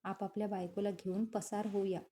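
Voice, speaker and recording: A woman's voice: mid-range voice, level tone, brisk, warm tone, slight background noise, lightly acted. A woman voicing a teasing young husband. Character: teasing young husband, bossy to his cousin.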